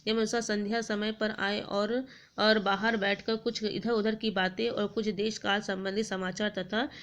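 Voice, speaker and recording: A woman's voice: medium pitch, little pitch movement, normal speed. A woman teacher retelling a story for a class, stopping often to explain words, with many fillers and self-corrections.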